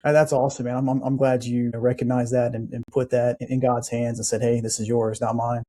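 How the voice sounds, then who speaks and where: A man's voice: medium pitch, little pitch movement, brisk, warm tone. A man hosting a podcast, speaking in an affirming, reflective way in casual conversation. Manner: affirming and reflective, calls the guest man and brother. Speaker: podcast host.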